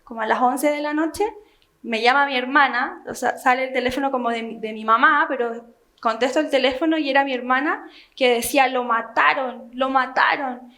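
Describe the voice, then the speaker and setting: A young woman recounts a personal testimony to her church group, earnest and halting, often reaching for words. Her voice sits high. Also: pushed and bright. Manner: earnest storytelling with many fillers. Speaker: church member giving testimony.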